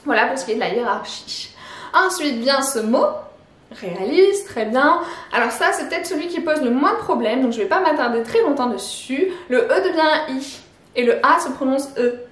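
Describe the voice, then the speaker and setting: A woman teaching a pronunciation lesson, explaining slowly and repeating each word with a soft laugh now and then. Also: high voice, lively intonation. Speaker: language teacher. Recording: roomy echo.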